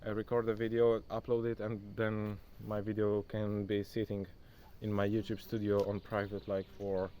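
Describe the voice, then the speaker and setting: A young man who isn't a native English speaker records a casual outdoor vlog on his phone near a forest, chatty and loose, calling his viewer "bro." His fairly low, dark voice stays monotone at a moderate pace with hardly any pauses. There's a little hiss or hum, plus faint insects and nature sounds.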